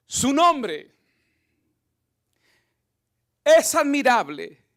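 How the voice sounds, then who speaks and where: A man preaching a sermon with passion, repeating phrases for emphasis, swinging between shouting and whispering. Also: sits high. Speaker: pastor.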